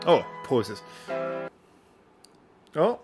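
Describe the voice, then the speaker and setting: A man's voice: medium pitch, huge pitch swings, very slow, over music. A young man hosting a casual live stream chat from his home computer. He talks in a rambling, chatty way and laughs often.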